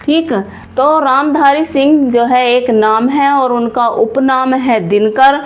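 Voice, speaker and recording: A woman's voice: sits high, steady tone, takes it slowly, dull audio. A young adult woman teaching a grammar lesson, explaining step by step, often rephrasing and answering her own questions. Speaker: Hindi teacher. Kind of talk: classroom-style grammar lesson.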